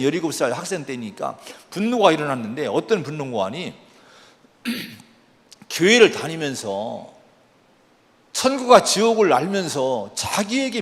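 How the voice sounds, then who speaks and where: Lively male preacher in an echoing church. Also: a little high. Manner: animated storytelling preacher, exhorting the congregation. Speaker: pastor. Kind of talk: sermon. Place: church sanctuary.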